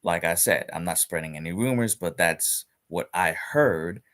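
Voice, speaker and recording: A gaming streamer with a deep, slightly bright voice rants live about a mobile game at a moderate pace. His talk is casual and rambling, and he keeps repeating himself, restarting sentences, and hiccuping.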